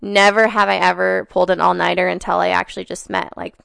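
A young woman in her twenties talks as a podcast guest, animated and loose, leaning on "like" and dropping swear words in passing. Her voice carries a gravelly fry. The sound is dry and close, with no room around it. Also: fairly low pitch, fast, dry recording. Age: 20s. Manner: chatty and animated, heavy on "like", swears casually. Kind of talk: casual chat.

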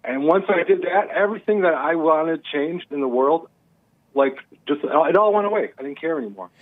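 A man's voice: a little high, animated, normal speed. A male caller on a speakerphone line, talking earnestly and reflectively from his own experience. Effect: phone on speakerphone. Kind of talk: call-in radio chat. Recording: tinny speakerphone call line.

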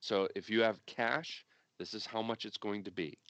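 A man with a fairly low, deep voice speaks at a normal speed with fairly even intonation, a slightly bright tone and no echo. He co-produces a podcast and is still recovering from an illness. In casual political chat, he makes his points emphatically and repeats them.

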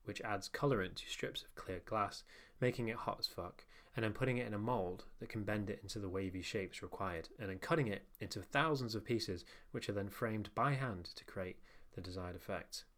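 A man's voice: fairly low pitch, normal speed, hardly any pauses, fairly bright tone. A young man with a nasal voice reads his own newsletter aloud in a casual, wry tone, with swearing and self-mocking asides. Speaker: newsletter narrator and podcast host.

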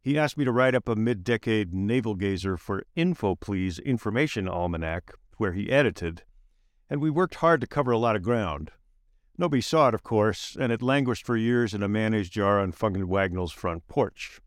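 A man reading aloud his own essay in a measured, wry narration with slowed emphatic phrases. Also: fairly low pitch, expressive, no room sound, studio quality.

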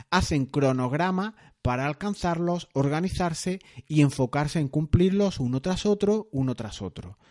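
A man's voice: on the high side, warm tone. A man hosting a solo podcast, explaining in a conversational way with occasional fillers. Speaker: podcast host.

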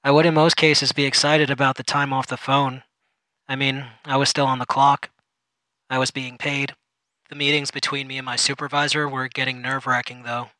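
A man's voice: medium pitch, flat delivery, moderate pace, bright, forceful tone, no room sound, rough recording. A man reading a first-person story aloud in a sardonic, bitter manner.

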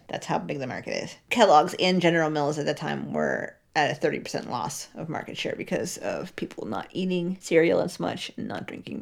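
Woman podcast cohost, super animated voice, reads facts, laughs a lot, swears a bit. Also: fairly low pitch, vocal fry. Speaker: podcast co-host. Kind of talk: casual chat.

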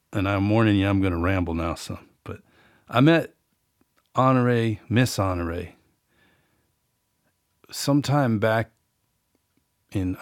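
A man's voice: low-pitched, vocal fry, no room sound, clean studio sound. A middle-aged man, an author and podcast host, reading from his own novel and then rambling in a folksy, self-deprecating way.

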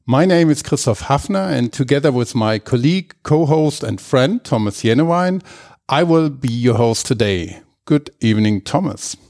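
A man hosts an interview over a video call. His voice is mid-pitched with a gravelly edge, and he speaks in a friendly, slightly formal way with small hesitations. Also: lively intonation, moderate pace, darkish tone. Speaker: host. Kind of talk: interview hosting.

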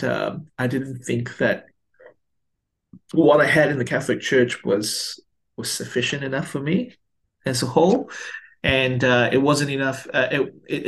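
A man in his thirties from Malaysia, a priest, telling his life story in an interview with many fillers and restarts. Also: mid-range voice.

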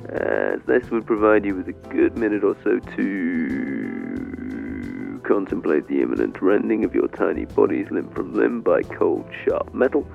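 An actor playing a heartbroken, bitter airline captain who gives calm, matter-of-fact cabin announcements in polite announcer phrasing. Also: male voice, lowish voice, creaky, phone-quality sound. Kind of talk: comic in-flight announcement.

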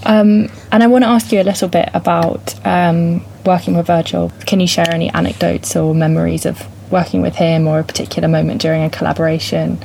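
A woman's voice: on the low side, fairly even intonation, brisk, vocal fry, hardly any pauses, mellow, slight background noise, low-quality recording. A woman hosting an interview, chatty, with refined diction. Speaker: host. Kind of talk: podcast interview.

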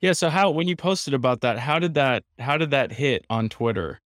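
A man's voice: medium pitch, lively intonation, moderate pace, a bit bright, no room sound, studio quality. A man hosting a casual podcast interview, eager and often restarting his sentences. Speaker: podcast host.

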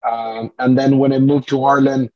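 A man's voice: mid-range voice, flat delivery. Young man from Argentina, muffled sound. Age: young adult. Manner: easygoing, measured, with "uh" and "you know". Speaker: guest angler. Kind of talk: casual interview chat. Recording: slightly dull lo-fi sound.

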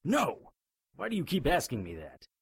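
A man's voice: fairly high pitch, wildly swooping pitch, normal speed, creaky, breathy edge, no room sound, clean studio sound, full character voice. A man playing a blunt, sardonic, urgent leader of frightened survivors in an audio drama. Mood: alarmed.

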